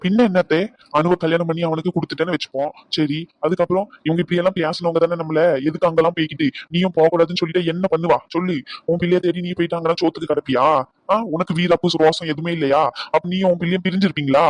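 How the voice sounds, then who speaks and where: An outspoken young nephew from a cartoon family drama, voiced by a man. He scolds in a quick, insistent voice. The recording is dry and close. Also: fairly high pitch, little pitch movement, no room sound, lightly acted. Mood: scolding.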